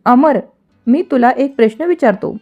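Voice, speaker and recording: A woman reading a calm, wise doctor. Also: sits high, highs cut off, faint music behind. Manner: soothing, measured.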